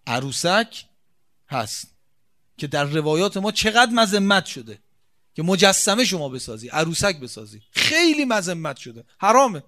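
A male preacher with a high, bright voice delivers a very animated religious sermon, emphatic and insistent throughout. He repeats key phrases and leans on rhetorical questions, while his volume swings from hushed asides to forceful stresses.

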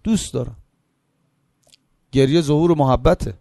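A man delivering a religious sermon, asking questions and answering them himself, swinging between emphatic high phrases and soft low asides. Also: vocal fry, no echo, studio quality. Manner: rhetorical, asks and answers his own questions. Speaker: preacher.

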